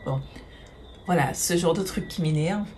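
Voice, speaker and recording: A woman's voice: fairly low pitch, a little slow, darkish tone, a little hiss or hum. A woman, chatting casually through a makeup tutorial, hesitant with many fillers and the odd swear word. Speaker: beauty vlogger.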